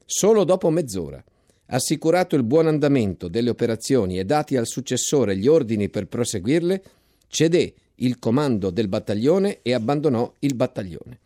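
A man reading a novel aloud in a measured, dramatic storytelling style, recorded in a radio studio. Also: medium pitch, sing-song, mellow, no room sound. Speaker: reader of a novel. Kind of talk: scripted literary reading.

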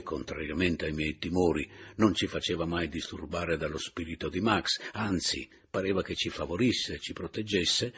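A man reading a novel aloud in a measured, reflective way. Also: low voice, a bit bright, breathy edge. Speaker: narrator.

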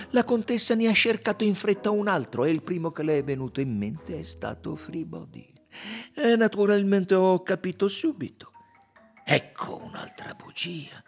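A man reading aloud and voicing a fussy, clever older detective who speaks softly and persuasively, with sly amusement. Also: a little high, pitched above the performer's own voice, exaggerated voice.

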